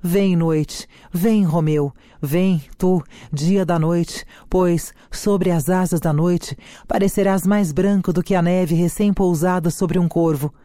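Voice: medium pitch, fairly even intonation, slow, hardly any pauses, warm tone, no room sound, clean studio sound, close to an everyday voice. Juliet, a reader voicing a lovesick young noblewoman. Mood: longing. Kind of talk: dramatic reading of a play.

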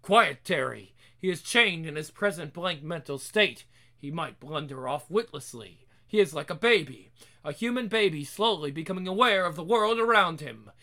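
A man playing a worried, excitable scientist who built a robot, speaking with urgent, dramatic wonder. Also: fairly high pitch, normal speed. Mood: anxious wonder.

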